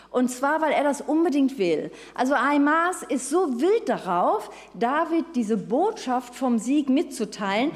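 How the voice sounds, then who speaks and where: A woman preaches in a church, speaking slowly and deliberately in a fairly high voice. She tells the story vividly and turns often to address her listeners directly. Her words ring out with the long reverb of a large hall. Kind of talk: sermon.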